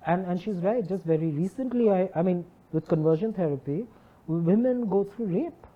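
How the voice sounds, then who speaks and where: Lower-pitched woman, posh Indian accent. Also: moderate pace. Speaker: panelist. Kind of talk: conversational panel discussion. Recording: slightly dull, muffled sound.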